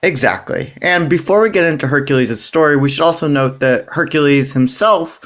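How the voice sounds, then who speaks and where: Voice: medium pitch, fairly quick, a bit bright. A podcast co-host retelling myths in casual chat, playful and jokey with wry asides.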